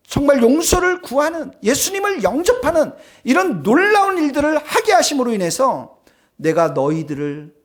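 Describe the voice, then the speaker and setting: A male pastor delivering a sermon, speaking emphatically and turning often to address the congregation, with plain personal stories mixed in. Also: very high voice. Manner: tells personal anecdotes in a plain conversational tone.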